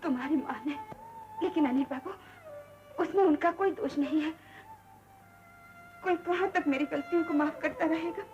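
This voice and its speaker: A woman's voice: sits high, lively intonation, a little slow, long pauses. An actress playing a grief-stricken, humble maidservant who is a mother, speaking tearfully and pleadingly in a 1960s film. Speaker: servant woman Mangala. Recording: dull old film soundtrack with music.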